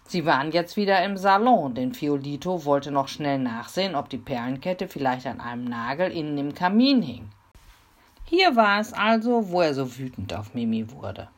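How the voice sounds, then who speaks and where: A woman reading a children's story aloud in a low, dark voice. Her pitch rises and falls dramatically as she plays up every turn. The delivery is expressive and theatrical throughout. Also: normal speed.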